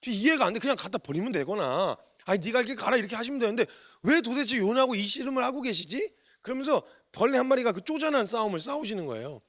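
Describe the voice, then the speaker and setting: A man, a missionary preacher, giving a sermon in colloquial, animated storytelling style, acting out the quotes he tells. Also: extremely high pitch, quick pace, few pauses.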